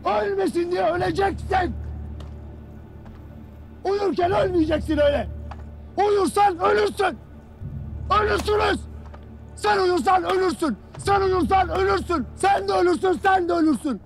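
A furious army commander, shouting. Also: male voice, very high-pitched, unhurried, creaky, pauses often, music in the background, exaggerated voice. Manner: shouting, harsh, relentless. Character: stern male army commander berating his troops. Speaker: military commander. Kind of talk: dramatic film acting.

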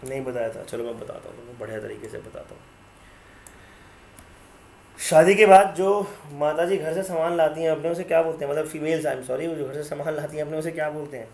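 A man's voice: fairly high pitch, a little fast, creaky, a little mellow. Bantering male teacher in an echoey room. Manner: playful, teasing students by name from chat; mixes Hindi and English terms. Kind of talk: online live class.

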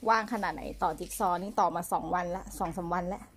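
A woman's voice: on the low side, steady tone, quick pace, slight background noise. A woman chatting casually on a home live stream, coaxing and baby-talking her pets. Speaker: pet owner streaming live to fans. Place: home condo room.

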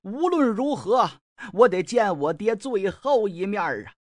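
A desperate young nobleman, as a male storyteller acts him out, begs in a raised, drawn-out voice. His pleading sounds close to tears. The sound is dry and near. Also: high voice, sing-song, dry recording, exaggerated voice.

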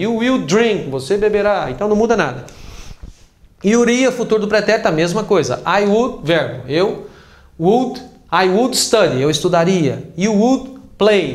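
A man with a Brazilian Portuguese accent teaching an English grammar lesson, patiently repeating points with examples. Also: sits high. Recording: roomy echo.

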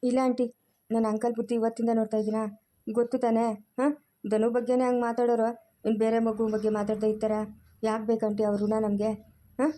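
A woman's voice: fairly high pitch, little pitch movement, quick pace, pauses often, mellow, lightly acted. Woman playing a firm young woman. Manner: firm, reassuring, reasoning. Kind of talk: family drama acting.

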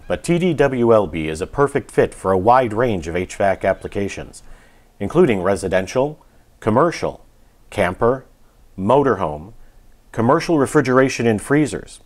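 Smooth man narrating a product ad. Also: on the low side. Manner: smooth, even promotional delivery. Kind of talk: scripted voice-over narration.

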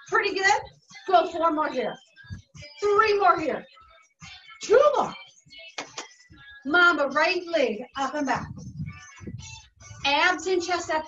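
Workout music plays behind a young aerobics instructor whose very high, sharp voice calls out short, upbeat cues and whoops as she exercises energetically in her carpeted living room. She is recorded by a camera across the room, giving a distant, dull sound.

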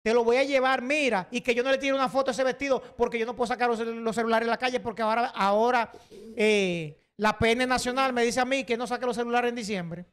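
A man's voice: very high-pitched, steady tone, quick pace, a bit bright, clear, resonant tone. A man with a Dominican accent giving heated, emphatic opinion commentary, often repeating himself. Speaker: online commentator.

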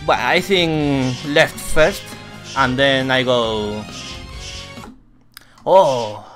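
Slow-talking Spanish man streaming a game. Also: mid-range voice, fairly bright tone, soft background music. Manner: swearing, self-mocking, halting non-native English. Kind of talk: casual gameplay commentary.

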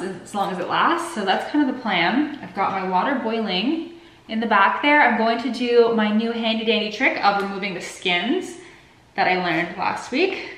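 Talking to the camera in her echoey home kitchen, a vlogger in her twenties rambles casually while a little sick and sniffly. Her voice sits in the mid range and is a bit bright.

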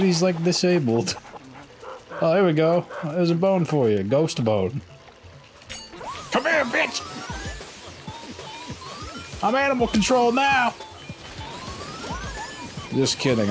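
A man in the middle of his range gives rambling, profane let's play commentary. He sounds sleepy and stoned, loose and unhurried. Faint game music plays underneath. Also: mid-range voice. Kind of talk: casual gameplay commentary.

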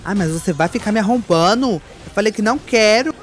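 A woman's voice: medium pitch, expressive, a little fast, faint music behind. A woman giving live gameplay commentary, campy and theatrical, with playful swearing at her opponents. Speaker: gaming streamer.

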